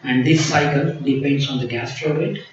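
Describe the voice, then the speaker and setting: A man's voice: medium pitch, normal speed. A man answering questions as a PhD candidate at a thesis defense, explaining things in a hedging manner. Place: large echoey room. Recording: echoey hall, distant mic, dull, faint noise.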